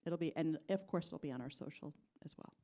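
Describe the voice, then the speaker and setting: A woman speaking as a marketing executive on a conference panel, chatty and relaxed, with fillers and light laughs. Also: deep voice, brisk. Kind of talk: conversational panel answers. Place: conference stage with audience.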